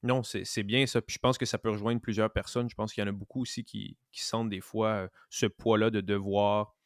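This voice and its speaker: Man, podcast host, low voice, relaxed, filler-heavy, dry close sound. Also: fairly quick, no room sound. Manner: relaxed, reflective, many "tu sais" fillers. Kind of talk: casual interview chat.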